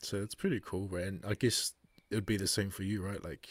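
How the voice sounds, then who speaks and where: A young New Zealand man with a low voice, captured close and dry. He talks like a laid-back frat bro, tossing slang into a casual podcast chat. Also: fairly even intonation, a little fast, no echo. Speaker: podcast host.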